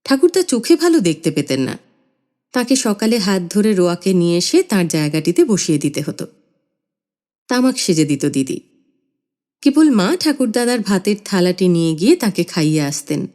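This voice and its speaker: A woman narrating a literary short story in an expressive, measured way. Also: medium pitch. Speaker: audiobook narrator.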